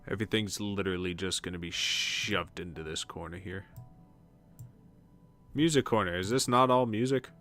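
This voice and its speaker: A man's voice: low voice, brisk, few pauses, pushed and bright, faint music behind. A man casually commenting as he plays a decorating game on stream, muttering to himself as he places furniture. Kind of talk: casual let's-play commentary.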